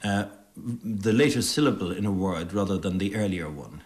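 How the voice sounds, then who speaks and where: An Irish man with a fairly low voice speaks in a considered, articulate way on a radio interview. He pauses as he builds his points. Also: darkish tone. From Ireland.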